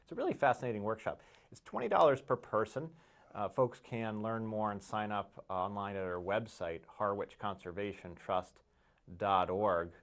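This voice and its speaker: A man giving information as an interview guest, halting and measured, often pausing mid-sentence. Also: on the low side. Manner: halting, measured delivery with many pauses. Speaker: interview guest from a conservation group.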